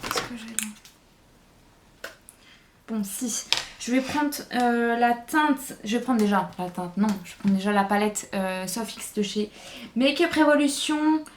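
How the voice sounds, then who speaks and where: A woman's voice: fairly high pitch, animated, measured pace, a little hiss or hum. A woman vlogger chatting casually through a makeup tutorial, hesitant and thinking aloud as she goes. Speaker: beauty vlogger.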